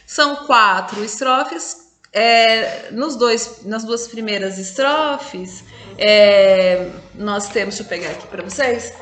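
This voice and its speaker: A woman's voice: mid-range voice, slow, fairly bright tone. A woman teacher giving a recorded class, patiently explaining step by step and counting syllables aloud. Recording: echoey room.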